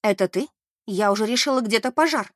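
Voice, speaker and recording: A woman's voice: a little high, a little fast, dry recording, clean studio sound, lightly acted. Woman putting on a jittery anxious woman. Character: anxious, easily alarmed woman.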